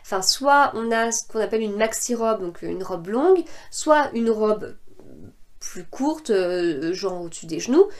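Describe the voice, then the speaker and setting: A woman in her thirties or forties talks through her sewing projects in a relaxed, meandering way. Her voice sits at a middle pitch for a woman, and she often pauses with fillers and restarts her sentences. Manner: hesitant, many fillers and restarts. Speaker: sewing podcaster. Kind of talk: casual chat about sewing projects.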